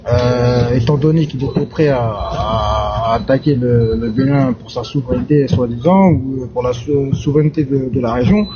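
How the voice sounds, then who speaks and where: A man joining a debate from traffic, halting and repeating words. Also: medium pitch, over music. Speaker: debate participant. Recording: dull lo-fi line with traffic noise.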